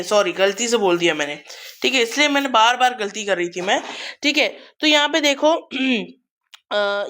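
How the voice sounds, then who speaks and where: A woman's voice: a little high, a bit bright. A young woman teaching chemistry in a lecture, repeating each step and quizzing her students as she goes. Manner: repeats steps and quizzes students, calls them beta. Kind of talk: Hindi-English classroom lecture.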